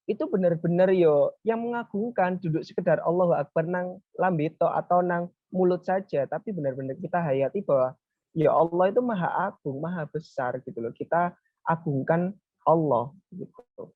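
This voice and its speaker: A relaxed religious speaker gives a casual Friday talk. The speaker explains step by step at a medium pitch, often circling back with little wrap-up phrases. The recording is dull and lo-fi, with a dry, close sound. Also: moderate pace, no echo. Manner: relaxed, explaining step by step, often saying "nah, itu gitu"; talks to a helper advancing slides.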